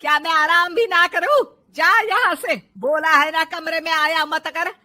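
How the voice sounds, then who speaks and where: A woman voicing a bossy middle-aged mother-in-law in a cartoon story, loud and scolding with slow sarcasm. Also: very high-pitched, pitched above the performer's own voice, full character voice. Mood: furious.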